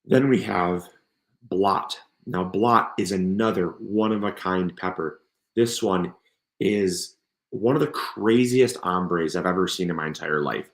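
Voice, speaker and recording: A gardening channel host with a low, unhurried, reverberant voice gushes enthusiastically over seeds and plants in a live stream product showcase. His voice sounds strained and tired from coughing.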